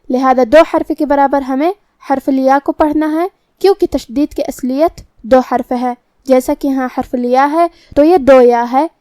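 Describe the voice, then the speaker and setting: A woman teaching Quran recitation rules, explaining each word methodically, then reciting it slowly and drawn out. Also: high voice, a little mellow, no echo, clean studio sound.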